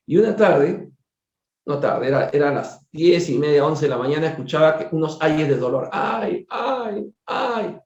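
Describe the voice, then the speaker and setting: A doctor telling a case story during a spiritist book study, conversational and digressive, repeating words and turning to his listeners with quick asides. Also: a little high, a little mellow. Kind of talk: storytelling lecture. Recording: echoey room, dull lo-fi sound.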